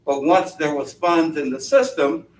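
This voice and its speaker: A man giving a formal, measured presentation at a meeting, his voice slightly muffled as he speaks through a face mask. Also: a little high, sing-song. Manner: measured, formal, wordy explaining. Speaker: consultant presenting to a school board. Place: indoor board meeting room. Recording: echoey meeting room, distant mic, faint noise.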